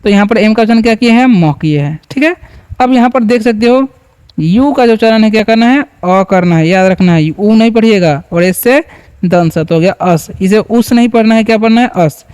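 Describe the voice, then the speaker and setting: A man's voice: high voice, a little mellow, clear, resonant tone. A man from India teaching beginners to read English, patient and repetitive, often quizzing the viewer. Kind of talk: spoken lesson.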